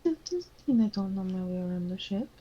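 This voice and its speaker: A woman player doing tabletop character role-play with slow, playful, drawn-out lines. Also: medium pitch, animated, mellow, slightly rough, muffled recording.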